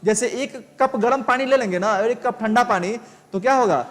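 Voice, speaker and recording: High-voiced man teaching in a reverberant hall. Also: brisk, fairly bright tone. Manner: explains step by step with repeated check questions. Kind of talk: live online lesson.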